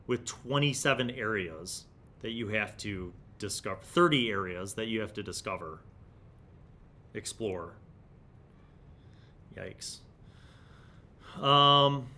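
A middle-aged man's medium-pitched voice has a sharp tone as he casually reviews for his tabletop gaming series. He muses in stop-and-start phrases and reads excerpts aloud. He's in a small indoor studio room with a desk microphone in front of him.

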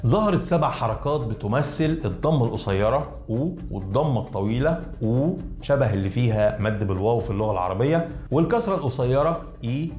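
A man with an Egyptian Arabic accent narrates a lesson at a brisk clip, explaining as he goes and speaking straight to his listeners. His voice sits at an everyday middle pitch. The recording rings with a roomy echo. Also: a little mellow. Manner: explanatory, addresses listeners directly. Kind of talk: scripted educational narration.

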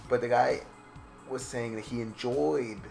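A man's voice: mid-range voice, steady tone, measured pace, creaky, a little mellow, soft background music. A young man chatting casually over gameplay as a commentator, swearing freely and laughing at his own remarks.

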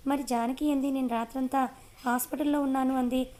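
A grieving old village mother, plaintive and pleading, as a woman reader gives her the lines. The voice sits fairly high and stays flat. It is a storybook reading. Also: brisk, lightly acted.

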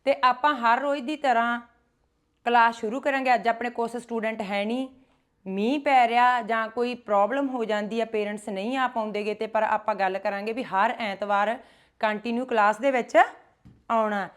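A woman teaching a children's Punjabi class, calling out words slowly and loudly for the children to repeat. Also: fairly high pitch, fairly even intonation. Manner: slow, loud, drawn-out syllables for children to repeat. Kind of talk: call-and-response class teaching. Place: gurdwara classroom.

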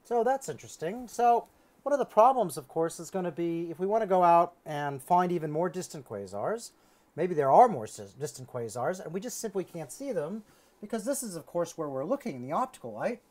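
In a two-person dialogue, this middle-aged man lectures on astronomy in a conversational way, working out his explanations as he goes. His darkish voice sits high, with lively intonation and a fairly quick pace.

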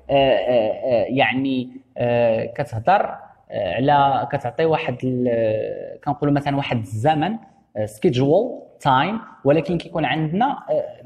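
A man with a Moroccan Arabic accent teaching English grammar. He explains in dialect, reads English examples slowly and keeps asking "okay?". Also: mid-range voice, big-room sound. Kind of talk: classroom grammar lesson.

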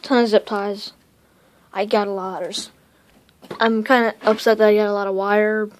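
A woman giving a casual, rambling tour of her home electronics workshop, talking quickly and interrupting herself as she films with a handheld phone. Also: medium pitch, level tone, slight background noise. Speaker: electronics hobbyist vlogger. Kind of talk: casual unscripted shop tour. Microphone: handheld phone camera.

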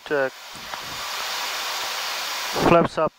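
A man, an airline captain giving clipped, flat checklist calls over a pilot headset intercom in the cockpit. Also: very slow. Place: airliner cockpit with engines running. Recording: loud engine noise in cockpit.

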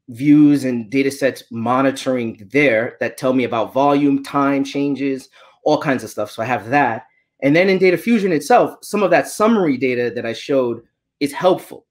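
A man in his forties answering questions as a guest on a video call, talking with animated gestures from a small room at home. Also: mid-range voice. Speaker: guest speaker, data engineer. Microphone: laptop webcam on video call.

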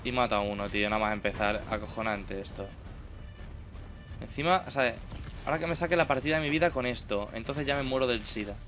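A man's voice: medium pitch, brisk, a bit bright, faint music behind. A young man with a Spain Spanish accent, commentating his own gameplay casually, swearing and exclaiming at the game. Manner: swearing, exclamatory, self-mocking. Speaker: gaming YouTuber.

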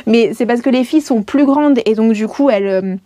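A woman's voice: fairly high pitch, fairly quick, mellow, no echo, studio quality. A woman in her thirties hosting a casual video tour of a small wood-lined van, chatty and joking, with many hesitations. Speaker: vlog host. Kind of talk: casual show-and-tell.

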